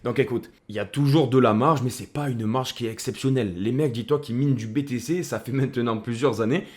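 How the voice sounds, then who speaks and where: A man's voice: mid-range voice, fairly quick, a little mellow. A man hosting a casual crypto commentary, speaking in a chummy way that addresses the viewer as a buddy. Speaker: crypto video host.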